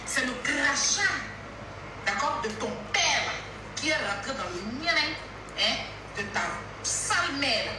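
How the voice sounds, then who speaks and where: A woman's voice: sits high, lively intonation, takes it slowly, echoey room, noisy background. A woman speaking scornful, contemptuous insults in a played clip.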